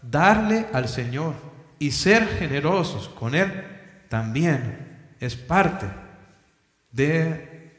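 A man's voice: on the high side, animated, very slow, long pauses, a bit bright. Man preaching in an echoey hall. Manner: preaching with rhetorical questions, often addressing the congregation as brothers. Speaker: pastor. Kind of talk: sermon. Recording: echoey hall with long reverb.

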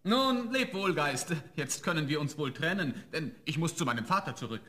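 Young man playing a lively, clever student. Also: on the high side, moderate pace. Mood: defiant. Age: young adult. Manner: animated, polite to his father but firm with the spirit. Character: clever, cheeky young student, son of a woodcutter.

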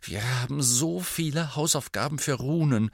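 A man's voice: on the high side, unhurried, creaky, pushed and bright, no echo, studio quality, voice pushed up, exaggerated voice. A man voicing an anxious, studious teenage girl who sounds fretful. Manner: raised, fretful.

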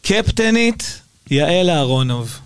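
A man's voice: a little high, big pitch swings, clear, resonant tone, no room sound. A man hosting a podcast, throwing in short reactions and questions. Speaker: podcast host.

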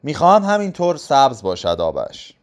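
A man's voice: medium pitch, wildly swooping pitch. A man voicing a cruel, domineering aging aristocrat who speaks in curt commands.

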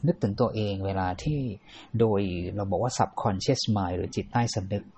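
A lowish-voiced man with a Thai accent lectures on his podcast in an unhurried, halting way, restarting phrases and filling pauses. He moves between English and Thai. A faint hiss of noise sits under the voice. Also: mellow. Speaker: podcast host. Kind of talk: lecture-style monologue.

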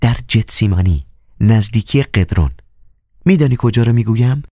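A man's voice: lowish voice, lively intonation, dark tone, no echo, studio quality, pitched above the performer's own voice. A man voicing a proud, cold young woman with a biting, teasing manner in an audiobook. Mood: cold, haughty. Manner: biting, haughty, coquettish. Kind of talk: audiobook character voice.

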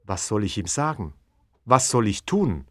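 A horrified, indignant young scientist speaks slowly with sharp swings in pitch. A storybook audio drama, recorded dry and close. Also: male voice, very animated, no echo. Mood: agitated. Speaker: narrator and scientist character.

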